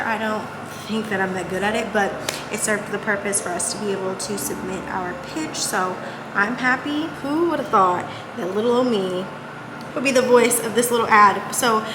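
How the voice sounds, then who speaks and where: A young lifestyle vlogger chats to camera in a casual, upbeat way, peppering her talk with fillers like "like." Her mid-range voice is soft and girlish, which she calls a baby voice, and the room is echoey with loud background noise.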